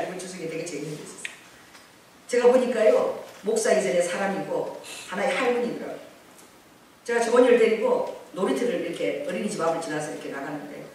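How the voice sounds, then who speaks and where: Animated woman pastor in an echoey room. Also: medium pitch, slight background noise. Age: 40s. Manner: animated storytelling, swinging between loud outbursts and soft asides. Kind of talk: sermon. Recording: echoey room heard from a distance.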